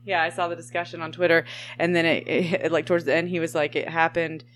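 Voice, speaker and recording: A woman's voice: low voice, flat delivery, quick pace. Woman cohost rambling along, keeps restarting sentences, faint hum in the back. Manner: rambling, with trailing starts. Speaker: podcast co-host. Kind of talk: casual chat.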